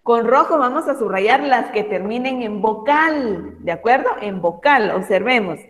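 Primary teacher, woman, online class; affectionate, slow, emphatic; a touch high; reverberant room. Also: animated, slight background noise. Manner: patient, slow and emphatic when reading words aloud; affectionate toward pupils. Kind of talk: online class for young children. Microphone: video call.

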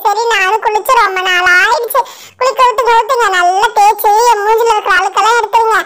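A woman's voice: extremely high pitch, sharp tone. A woman voicing a sly talking doll in a doll show, with a coaxing sing-song manner.

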